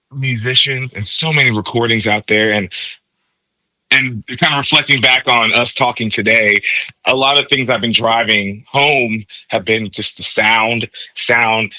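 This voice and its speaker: In a podcast interview, a man who plays trumpet explains jazz tone and technique as a teacher would, repeating words to emphasize them. His medium-pitched voice sounds pushed and bright, and the low-quality recording has no room sound.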